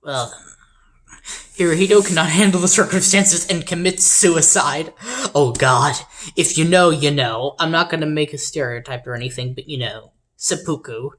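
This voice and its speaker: A woman with a low, deep-set voice reads game events aloud in a casual way. She stumbles and restarts on names, then throws in wry, apologetic side comments between the lines. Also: moderate pace. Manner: reads events aloud, trips over names, adds sheepish wry asides. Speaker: game player narrating events. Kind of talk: casual reading of simulator events with asides.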